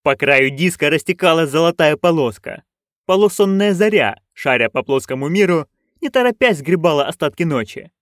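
A man reading a fantasy story aloud with expressive storytelling. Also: on the high side, moderate pace, no room sound, clean studio sound. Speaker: audiobook reader. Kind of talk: scripted narration.

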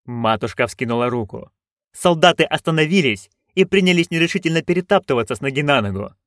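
A man narrating an audiobook in an expressive, animated way. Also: on the high side, fast, dry recording, studio quality.

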